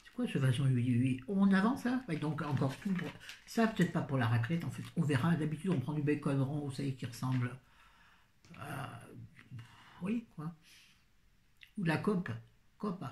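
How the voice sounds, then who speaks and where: A woman's voice: deep voice, expressive, normal speed, pauses often, a little mellow, a little hiss or hum. Chatty self-mocking woman, echoey room. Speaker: vlogger. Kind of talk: casual grocery haul chat.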